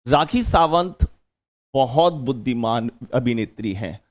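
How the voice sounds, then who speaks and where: A man's voice: medium pitch, expressive, slow pace. A man teaching an exam-prep vocabulary lesson, chatty and joking, repeating key words as memory tricks.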